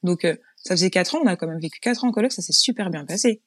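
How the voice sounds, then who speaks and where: This guest in a casual interview is a business owner from France who tells her story frankly and chattily, often restarting her sentences. Her voice is lowish and quick, captured in clean studio sound with no echo.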